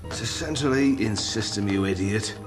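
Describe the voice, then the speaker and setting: A man's voice: lowish voice, normal speed, over music, close to an everyday voice. An actor playing a blunt, irritable man in an audio drama. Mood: grumpy.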